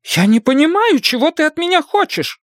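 A man's voice: very animated, moderate pace, fairly bright tone, dry recording, clean studio sound, heavily acted. A man reading an audiobook, voicing a flustered middle-aged woman who serves as a town official. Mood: anxious. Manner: high, shrill and indignant. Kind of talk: audiobook character voice.

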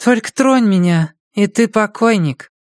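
A man's voice: high-pitched, lively intonation, measured pace, no echo, clean studio sound, voice pushed up. A man reading aloud and voicing a drowsy, drunk mother who mumbles and slurs her words. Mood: drowsy menace. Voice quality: sleepy, slurred, mumbling.

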